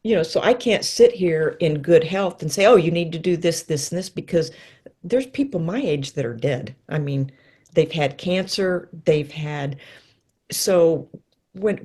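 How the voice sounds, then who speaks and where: A woman's voice: moderate pace, slightly rough. A woman in her sixties, a guest in a casual interview, telling stories and acting out quoted lines with big jumps in her voice. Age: 60s. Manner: lively storyteller, acts out quotes with pitch leaps.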